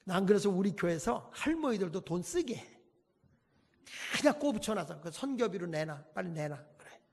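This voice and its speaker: A man preaching at a revival service in a church, telling folksy, animated stories and acting out the people in them. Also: high voice, normal speed, breathy edge. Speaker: pastor. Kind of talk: revival sermon with acted anecdotes. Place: church sanctuary. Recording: long hall reverb.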